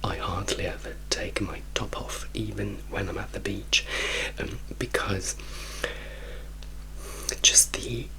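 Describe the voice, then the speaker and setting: A man from Italy gives a soft-spoken ASMR ramble in a hushed, mostly whispered voice, unhurried and repeating words for emphasis. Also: on the low side, steady tone, vocal fry, poor audio. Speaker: ASMR creator telling personal stories.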